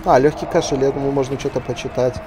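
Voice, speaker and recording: A man's voice: medium pitch, fairly even intonation, quick pace, noisy background. A man giving casual commentary as he plays a video game. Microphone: voice-over over game audio. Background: game music.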